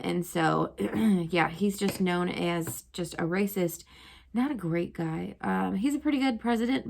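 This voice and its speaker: Chatty woman with a gravelly voice. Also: on the low side. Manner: chatty, lots of "um" and "like". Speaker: teacher. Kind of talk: casual history storytelling for students.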